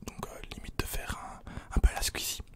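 Close to a desk condenser microphone in his small attic room, a man from Belgium replies to questions. He speaks in a relaxed, breathy ASMR whisper.

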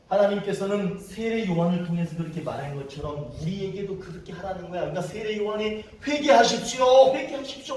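A middle-aged male pastor telling stories in a conversational sermon, sometimes shouting quoted lines. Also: high voice, a little hiss or hum. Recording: echoey room from a distance.

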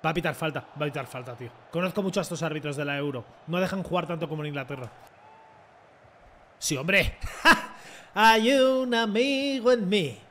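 A young man with a Spain Spanish accent, commenting his own football video game in an excitable, mocking way and swearing often. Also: on the high side, fairly quick, pauses often, a little hiss or hum. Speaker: gaming content creator. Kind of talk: casual gameplay commentary.

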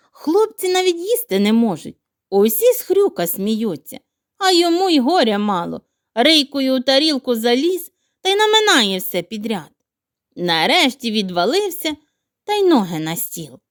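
Female narrator for kids' audiobook: high, animated, playful, recorded dry and close. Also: dry recording. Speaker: storyteller. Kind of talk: expressive fairy-tale narration for children.

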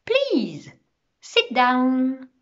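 A woman voicing a cheerful male English teacher who shouts and barks short phrases. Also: sits high, huge pitch swings, takes it slowly, muffled recording, full character voice. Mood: cheerful insistent.

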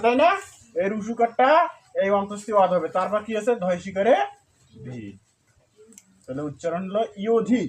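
A man teaching pronunciation, asking questions and answering them himself, breaking words into syllables and chanting verse lines slowly in a melody. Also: high voice.

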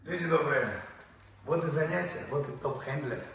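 A man's voice: a little high, moderate pace, gravelly, a bit bright, recorded from a distance. A man chatting casually to viewers as he films and presents, effusive and often repeating his words. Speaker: animal park host presenting pets and trainer. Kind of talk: casual chat to viewers while filming. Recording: echoey room with background noise.

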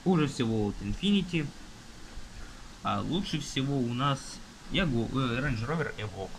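A young man casually reviewing a car magazine page by page, listing items in a halting way with fillers, filmed on a phone at a table indoors while rain falls outside. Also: medium pitch, lively intonation, slight background noise, rough recording. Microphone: phone camera filming from above.

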